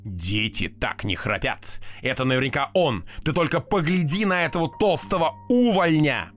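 A man reading aloud and voicing a furtive male crook who speaks low and hushed. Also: expressive, normal speed, soft background music.

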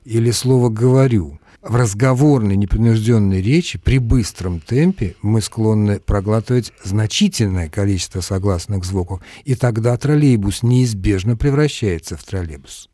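A man with a mellow, darker voice, explaining pronunciation and usage in a measured, lecturing manner. The studio sound is dry and close, with no room around it. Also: on the low side, dry recording. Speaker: language expert on a radio call-in show. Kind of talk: explanatory radio talk.

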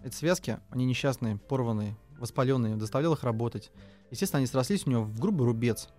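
A man's voice: mid-range voice, quick pace, mellow, soft background music. A man working as a trauma surgeon, answering listener questions on radio, talking with many fillers and restarts.

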